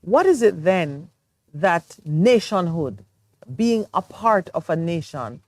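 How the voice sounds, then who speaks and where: A woman's voice: on the low side, very animated, slow pace. A woman co-hosting a morning talk show, explaining her views in an earnest, reflective way. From Jamaica. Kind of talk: studio talk show discussion.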